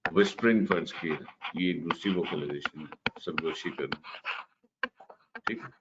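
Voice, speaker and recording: Deep-voiced man teaching a lesson. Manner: explains slowly, mixes English terms into Hindi-Urdu, frequent "ठीक है" check-ins. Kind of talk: lecture on communication. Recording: slightly dull recording with faint hiss.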